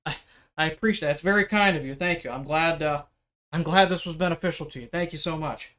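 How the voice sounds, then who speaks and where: A man demonstrating leatherworking on a live stream, talking loudly in an explaining way and chatting with viewers into a microphone. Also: on the high side, quick pace. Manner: loud, explaining voice. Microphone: external microphone.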